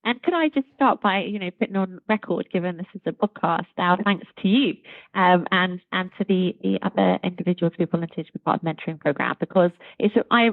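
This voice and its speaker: On a tinny, phone-like remote line, a woman who runs a charity as chief executive is a guest in a conversational podcast interview. Her voice is on the low side and gravelly, brisk, articulate and enthusiastic, and the recording is dry.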